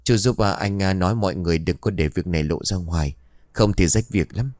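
A man's voice: sits low, fairly quick, darkish tone, dry recording, close to an everyday voice. A man voicing a troubled middle-aged villager who pleads in a strained voice in an audio ghost story. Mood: friendly.

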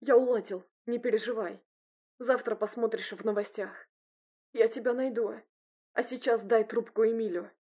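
A woman's voice: fairly high pitch, fairly even intonation, normal speed, warm tone, close to an everyday voice. A woman doing a curt, tough young man. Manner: clipped and dry, bursting into threats.

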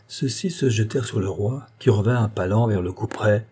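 A man narrates a classic novel in a measured, dramatic reading. His voice is low-pitched and dark. It has a slightly husky edge. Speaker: audiobook reader. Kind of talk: scripted literary narration.

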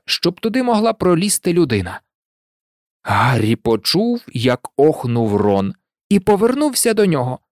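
A narrator reading an audiobook in an expressive, lively way. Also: medium pitch, no room sound, clean studio sound.

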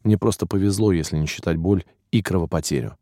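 A man reading a first-person audiobook narration in a steady, even way. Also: deep voice, quick pace, dry recording, studio quality.

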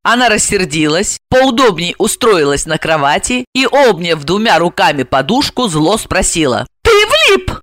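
A woman narrating an audiobook in a measured, expressive reading. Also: fairly low pitch, dry recording. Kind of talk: scripted narration.

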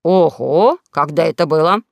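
A woman lowers her voice into a sly con-man duke with a sneering, sardonic edge. He needles and mocks, a storybook rogue heard close and dry. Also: animated, moderate pace, gravelly, dry recording. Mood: probing. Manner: mocking, sardonic.

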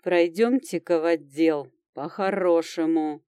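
Женщина озвучивает суровых мрачных мужчин-рыцарей городской стражи, говорящих медленно и строго. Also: female voice, fairly low pitch, warm tone, clean tone, no echo, clean studio sound, close to an everyday voice. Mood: grim. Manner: stern, slow and gloomy. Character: stern grim male city knights on patrol.

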